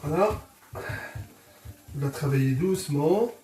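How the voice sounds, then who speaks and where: A man's voice: fairly high pitch, lively intonation, slow, mellow. A man with a Moroccan accent chatting casually and jokily to viewers as he presents his home cooking. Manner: chatty, jokey, addresses viewers as friends. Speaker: host, home cook presenting a recipe. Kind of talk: casual cooking vlog chat. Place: indoors in a home kitchen. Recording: roomy, distant mic, faint noise.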